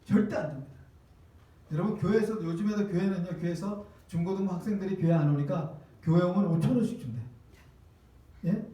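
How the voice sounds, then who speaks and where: High-voiced pastor in an echoey hall. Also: male voice, fairly quick, long pauses, warm tone. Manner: emphatic, questions the congregation. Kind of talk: sermon. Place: church sanctuary. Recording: echoey church hall, distant mic.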